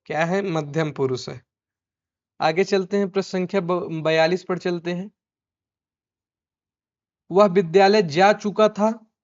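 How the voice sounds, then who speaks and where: A man's voice: sits high, unhurried, pauses often. A male Hindi teacher going through an exam answer key, asking himself questions and repeating the answers like a drill. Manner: repeats his own questions back as drill. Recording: dull lo-fi recording.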